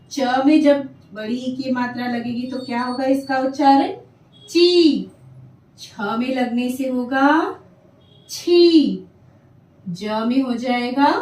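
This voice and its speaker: Woman teacher, fairly high voice, patient and drawn-out, echoey room, from the mic. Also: a little mellow, far from the mic. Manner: slow, drawn-out sounding of syllables. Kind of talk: children's lesson.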